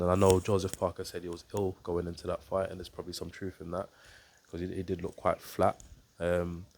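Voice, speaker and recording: A boxing coach and YouTuber with a very low voice and a congested, stuffy nose from a cold breaks down a fight casually to camera. He speaks in a level, even, measured and unhurried way, thinking aloud with frequent ums and repeated words, over slight background noise.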